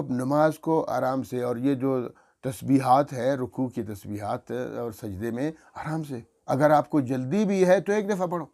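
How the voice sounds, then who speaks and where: A male Quran teacher giving an earnest religious lesson, reciting prayer phrases slowly and deliberately as examples and correcting rushed recitation. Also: mid-range voice, vocal fry, dark tone. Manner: earnest, instructive, corrects by demonstrating.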